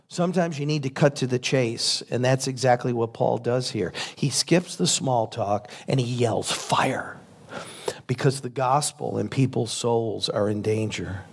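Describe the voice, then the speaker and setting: Guy pastor preaching, gravelly husky voice, chatty earnest sermon. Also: mid-range voice. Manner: conversational preaching with fillers, earnest.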